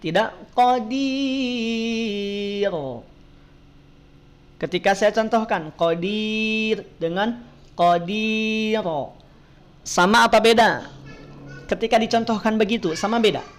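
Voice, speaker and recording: A woman teaches Quran recitation over a video call at an unhurried, careful pace. She patiently quizzes her students and models each sound for them. Her voice sits at an ordinary middle pitch. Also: fairly even intonation, soft background music. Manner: patient, asks students questions and models pronunciation. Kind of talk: online Quran reading class.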